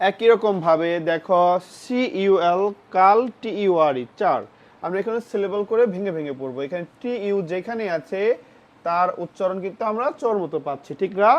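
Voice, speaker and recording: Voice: mid-range voice, moderate pace, dull audio. Patient teacher spelling words aloud. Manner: spells words letter by letter and asks questions of the pupils; patient, repeats each word and its meaning. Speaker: English vocabulary teacher for children. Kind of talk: classroom-style phonics lesson.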